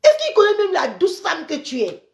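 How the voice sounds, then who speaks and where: A woman ranting on a live social media stream, upset and angry, repeating herself and swinging between loud outbursts and low mutters. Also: huge pitch swings, normal speed, vocal fry. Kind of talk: indignant Facebook live rant.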